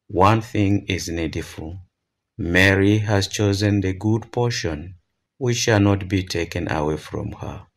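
A man's voice: low voice, vocal fry. A clergyman giving a solemn liturgical reading of the Gospel.

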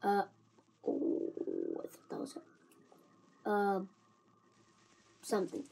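A young woman giving casual game commentary, excitable and jumpy, swinging from nervous mumbles to loud surprised outbursts. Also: mid-range voice, takes it slowly, vocal fry, poor audio. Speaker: gaming channel host.

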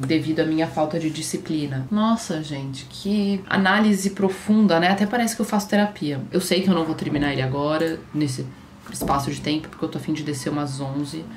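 In her casual daily vlog, a woman in her mid-twenties with a São Paulo Brazilian accent talks to the camera in small home rooms. Her low voice is a little mellow, her chat slangy and self-deprecating, and the recording carries a slight hiss or hum.

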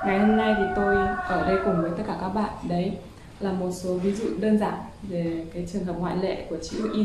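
A woman vlogger giving a casual pronunciation lesson, slowly drilling syllables and repeating example words. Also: medium pitch. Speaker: language teacher vlogger. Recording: very echoey room with faint noise.

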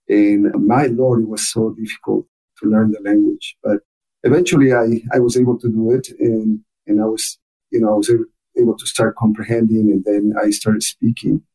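Ecuadorian-accented man, mellow husky voice. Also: lowish voice, low-quality recording. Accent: Ecuadorian Spanish. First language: Spanish. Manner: earnest, many repeated words and restarts. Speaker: guest, chamber of commerce officer. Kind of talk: podcast interview.

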